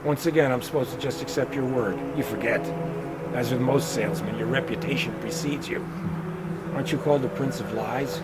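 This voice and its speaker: A man's voice: medium pitch, a little fast, heavy background noise, lightly acted. A man playing a skeptical dying man. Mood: sarcastic. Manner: skeptical, probing. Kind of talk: short film acting. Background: music.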